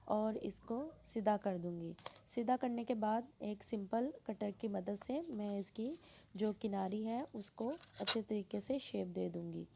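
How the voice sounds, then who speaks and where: A woman, talking through a sewing tutorial step by step and clearing her throat now and then. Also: medium pitch, warm tone. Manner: plain instructional, frequent throat clearing. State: sore throat. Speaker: sewing instructor.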